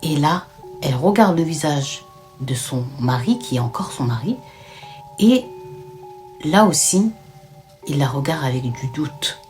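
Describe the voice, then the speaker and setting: A young adult woman casually narrating a dramatic story time with lively retelling. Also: low voice, unhurried, pauses often, soft background music.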